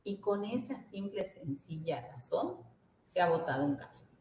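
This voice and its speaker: A woman's voice: medium pitch, big pitch swings, normal speed, darkish tone. A woman gives an earnest workshop talk, often checking in with her listeners. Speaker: workshop speaker. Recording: roomy echo.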